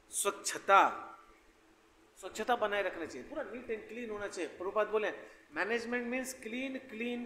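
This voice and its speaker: A man's voice: high-pitched, pushed and bright, slight background noise. A man giving a devotional scripture lecture in a conversational, anecdotal way, often wry. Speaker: preacher giving scripture class. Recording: echoey hall with faint ambience.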